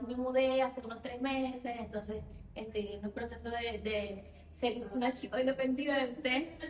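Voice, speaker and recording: A young Venezuelan woman with a Venezuelan accent, giving an earnest personal testimony at church, often repeating her phrases and pausing on fillers. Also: high voice, fairly bright tone, slight background noise. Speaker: church speaker. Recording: echoey room heard from a distance.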